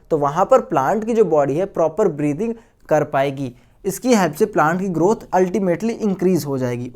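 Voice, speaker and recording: A man whose voice sits high and a little mellow teaches science to school students in a video lecture. Key words get repeated, English technical terms are mixed in, the students are "guys," and his questions come with his own answers.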